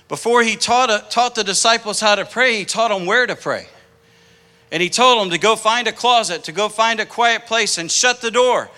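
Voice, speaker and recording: A man's voice: sits high, measured pace, long pauses, pushed and bright. A man preaching a sermon as pastor, telling stories with impassioned delivery.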